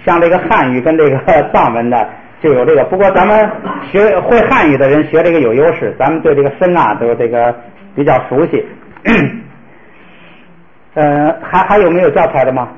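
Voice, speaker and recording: A man's voice: on the high side, lively intonation, normal speed, a little hiss or hum. A male language teacher, lecturing a class patiently and step by step, with many fillers. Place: classroom with students. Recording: roomy, dull lo-fi classroom recording.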